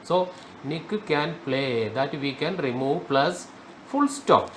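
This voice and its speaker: Slow, high-voiced man teaching grammar. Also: expressive, fairly bright tone, a little hiss or hum. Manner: slow, emphatic, repeats key words. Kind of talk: spoken grammar lesson.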